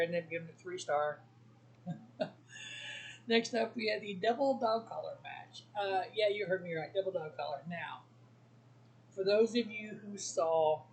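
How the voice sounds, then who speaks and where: A man's voice: a little high, poor audio. A man hosting a wrestling review show, giving blunt opinions in a casual solo talk full of ums and restarts.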